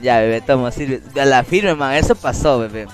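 A man's voice: medium pitch, animated, moderate pace, over music. A young man with a Peruvian Spanish accent, telling stories casually to his stream chat, slangy and laughing a lot.

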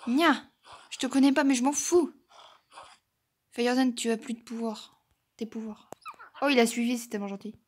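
A woman playing an online animal role-play game, chatting casually and teasing other players, with occasional quiet asides. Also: fairly high pitch, steady tone, moderate pace, pauses often, husky. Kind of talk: casual gameplay commentary.

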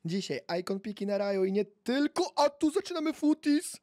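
Sick male gamer, high-pitched and excitable, narrating pack openings. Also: moderate pace, soft background music. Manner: exclaims loudly at each card. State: sick, voice affected. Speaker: gaming YouTuber.

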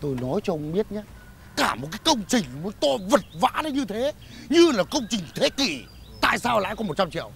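Comedy sketch: a hot-headed man, high and gravelly voice. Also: sing-song, brisk, a bit bright, slight background noise, exaggerated voice. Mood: indignant. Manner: indignant, demanding. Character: aggrieved, hot-headed man cheated by his partner. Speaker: comic actor.

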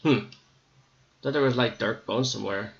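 A man's voice: medium pitch, moderate pace, vocal fry, lo-fi sound. A man giving casual, rambling gameplay commentary with a slightly scratchy voice, hesitating often with ums. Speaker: gameplay video maker.

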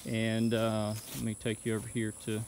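A man in his thirties walks the listener through a beekeeping chore in a relaxed, step-by-step way. He records outdoors in a bee yard on a handheld phone. Insects hum clearly all around him. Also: fairly low pitch, moderate pace, poor audio. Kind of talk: casual how-to vlog. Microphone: phone camera held while working. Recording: outdoor noise with buzzing bees. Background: insects buzzing outdoors.

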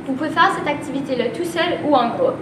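High-voiced young Canadian French woman, echoey. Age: young adult. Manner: articulates tongue twisters, slowly then faster. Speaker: theatre workshop leader. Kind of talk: instructional demonstration of tongue twisters. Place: theatre stage, indoors. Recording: roomy, distant microphone, clear background noise.

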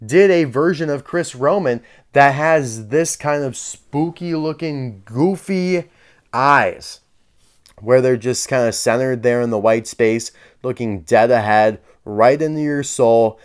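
A man's voice: medium pitch, a little slow, clear, resonant tone. A man chatting casually as he unboxes and reviews collectible toy cars, candid and dryly sarcastic.

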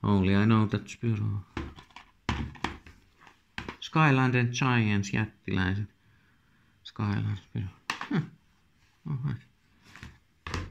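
A man with a Finnish accent speaks halting, non-native English in short, muttered remarks, as casual unscripted commentary on an unboxing. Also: fairly low pitch, gravelly, dull audio. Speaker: video game collector presenting an unboxing. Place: indoors at a wooden table. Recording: noisy room with handling clicks.

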